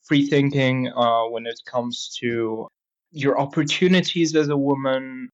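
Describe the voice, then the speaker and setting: A man hosting an interview podcast, introducing a guest and asking questions with hesitant pauses and restarts. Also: mid-range voice, fairly even intonation. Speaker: podcast host. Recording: slightly dull lo-fi audio.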